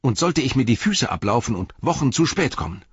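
A man's voice: medium pitch, big pitch swings, brisk, husky, no room sound, pitched above the performer's own voice. A man reading the lines of a small, loyal young hobbit who pleads and stammers, in a dull lo-fi audiobook recording. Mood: desperate.

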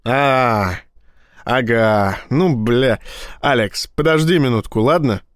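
A blustering, foul-mouthed police vice-admiral, put on by a man reading aloud, snapping and yelling in a raised, strained voice. The delivery is dry and close, with no room around it. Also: mid-range voice, slow, no echo, close to an everyday voice. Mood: agitated. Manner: loud, agitated, cursing outbursts. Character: hot-tempered swearing male police vice-admiral.

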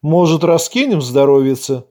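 Guy doing a touchy village man about 48, voice pushed higher, snappy then makes peace. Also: lively intonation, moderate pace, darkish tone, natural voice. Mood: testy. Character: gruff 48-year-old village man, hot-tempered cemetery visitor.

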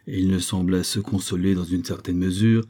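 Husky, low-voiced male audiobook narrator. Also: flat delivery, fairly quick, mellow. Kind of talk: audiobook narration of a classic novel.

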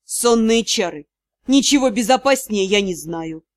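Lady reading a tired growly magister guy, lowered voice, dry close sound. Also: animated, unhurried, no echo. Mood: grim. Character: weary, gruff male magister.

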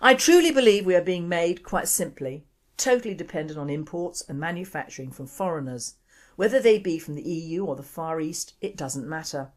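Woman presenter, from the UK, scornful indignant commentary, lowish voice, swooping intonation. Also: expressive, a little fast. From United Kingdom. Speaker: show presenter. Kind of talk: opinionated spoken commentary.

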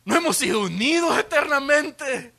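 A man preaching a sermon in a church auditorium, acting out a forsaken man who cries out to God in anguished, shouted pleas. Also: extremely high pitch, lively intonation, normal speed, gravelly, pitched above the performer's own voice, full character voice. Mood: anguished pleading.

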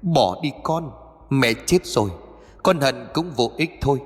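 A man's voice: mid-range voice, expressive, unhurried, gravelly, long reverb tail. Man voicing a mournful mother's ghost. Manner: mournful, pleading, gently scolding. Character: sorrowful ghost of a dead mother.

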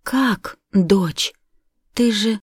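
A woman voicing a hysterical, furious pregnant young wife who shouts shrill accusations. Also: drawn-out words, slightly rough, no echo, clean studio sound. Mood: bewildered.

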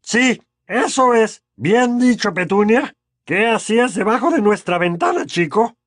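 A man voicing a furious, pompous middle-aged uncle in an audiobook, hoarse and blustering. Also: high-pitched, expressive, a little slow, a bit bright, no room sound, clean studio sound, voice pushed up. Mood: angry. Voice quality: hoarse, trembling with rage. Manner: blustering, bullying. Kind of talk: audiobook character voice.

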